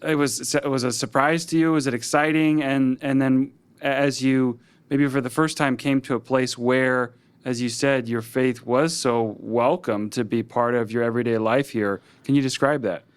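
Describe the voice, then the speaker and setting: Male host, mid-pitch, clear smooth tone; gentle, hesitant questioner. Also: steady tone, normal speed, few pauses. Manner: hesitant, restarts questions, frequent backchannels. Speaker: podcast host. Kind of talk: casual interview.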